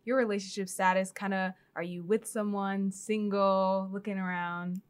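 A young adult woman hosting a casual interview podcast, chatty and relaxed with frequent filler words. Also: medium pitch, moderate pace, clean tone. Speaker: podcast host.

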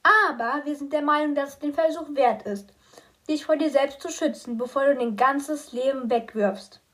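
Lady reading a tired firm dad, measured, her voice stays high. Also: a bit bright. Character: weary middle-aged father, firm but sad. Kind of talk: audiobook reading.

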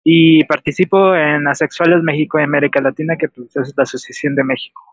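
A man's voice: on the high side, steady tone, brisk, no echo. A man of twenty-five, introducing himself hesitantly with many fillers on a video call. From Mexico. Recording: dry lo-fi call audio.

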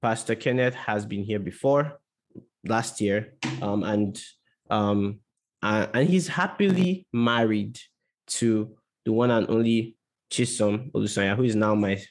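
A man's voice: lowish voice, unhurried. A man hosting a church gathering in an informal, conversational style, introducing a guest speaker.

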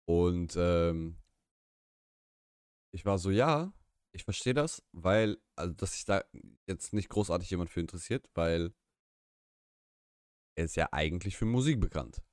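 In a small room on a live stream, a young man whose first language is Russian co-hosts a podcast, chatting casually in a rambling, opinionated, self-correcting way with many restarts. His low voice is animated yet measured, with long pauses and a darkish, clean tone, recorded in a clean studio with no room sound.

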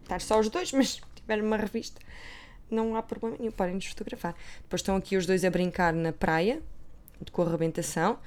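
A woman's voice: medium pitch, fast talker, a little mellow. A woman with a European Portuguese accent, chatting casually about gossip magazines, rambling and sometimes dropping to a whisper.

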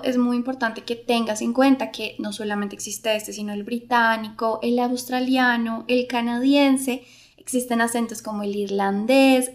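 A woman, an English teacher, explaining a podcast lesson clearly and speaking straight to the listener. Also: fairly high pitch, a little mellow.

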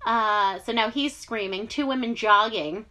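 A woman's voice: on the high side, a little slow, bright, forceful tone. A young woman hosting a podcast, telling a true crime story in a casual, sarcastic way with lots of fillers. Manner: chatty, sarcastic asides, frequent fillers.

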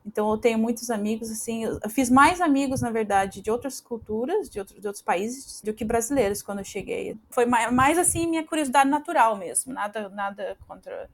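A Brazilian woman in her thirties chats as a podcast guest in a casual interview, with frequent fillers and restarts. Her fairly high voice moves fairly quickly, with hardly any pauses.

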